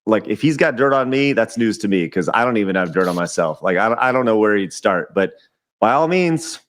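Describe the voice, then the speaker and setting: Speaking over a remote call, this podcast guest in his forties has a lowish, animated voice and a slightly fast pace. His casual chat is full of repeated words and restarted sentences.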